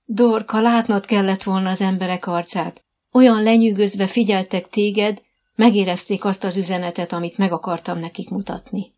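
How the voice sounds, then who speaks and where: A woman voicing a calm, encouraging female riding instructor who speaks in soothing, steady commands. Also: mid-range voice, lightly acted. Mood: proud.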